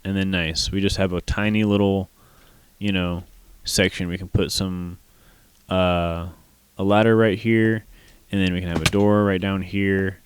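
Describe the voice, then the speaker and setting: A young male streamer with a deep voice talks through a building game in casual commentary. He drawls slowly and mutters half to himself as he works, laid back rather than performing for anyone. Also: steady tone, smooth, dry recording.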